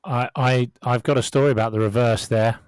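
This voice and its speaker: A man co-hosting a podcast, telling a relaxed, wry story in casual chat. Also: medium pitch, brisk, clear, resonant tone, dry recording, studio quality. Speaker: podcast co-host, truck driver.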